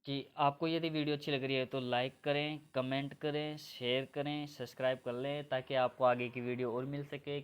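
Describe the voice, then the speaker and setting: A man's voice: mid-range voice, smooth. A man from India teaches English grammar for exams step by step and keeps addressing his viewers as friends. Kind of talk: exam-prep grammar lesson.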